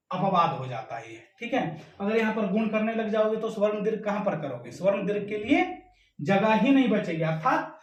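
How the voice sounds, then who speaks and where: A man teaching a grammar lesson who asks questions and answers them himself, and recites rules slowly, syllable by syllable. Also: high voice, far from the mic. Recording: echoey room, voice away from the mic.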